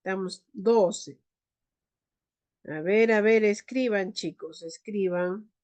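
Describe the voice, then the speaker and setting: A woman teaching an online class, leading slow pronunciation drills and calling on students. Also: mid-range voice, a little mellow. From Peru. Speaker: Quechua teacher.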